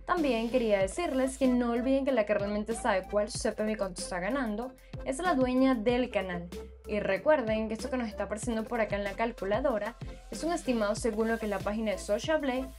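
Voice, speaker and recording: A woman hosting her own channel, narrating a screen-recorded tutorial and calmly walking viewers through numbers step by step. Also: a little high, brisk, over music. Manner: steady, explanatory, walks through numbers step by step. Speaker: YouTube channel host.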